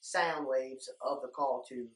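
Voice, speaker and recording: A man's voice: mid-range voice, steady tone, slow pace, fairly bright tone. A young man giving a casual, plain-spoken how-to talk to viewers as an instructor. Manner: informal, plain-spoken, addressing viewers as guys. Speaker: duck calling instructor, video host. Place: indoor room lined with duck decoys. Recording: echoey room, distant microphone.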